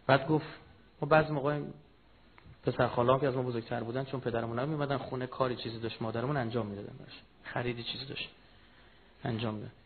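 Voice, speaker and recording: A man giving a mourning sermon, telling a personal story, moving from low murmured storytelling to loud impassioned rising cries. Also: fairly even intonation. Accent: Persian of Iran. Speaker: religious speaker. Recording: tinny phone-like recording with faint noise.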